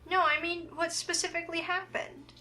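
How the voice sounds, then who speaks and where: Voicing a visual novel's curious, introspective young heroine, a woman reads the character's thoughts and dialogue in an earnest, expressive manner. She pushes her voice up very high and keeps a moderate pace.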